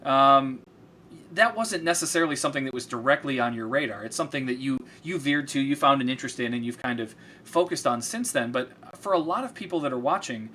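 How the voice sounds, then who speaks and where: A man's voice: medium pitch, expressive, a little fast, sharp tone, slight background noise. A man hosting a casual interview, upbeat and chatty, laughing easily. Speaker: interview host.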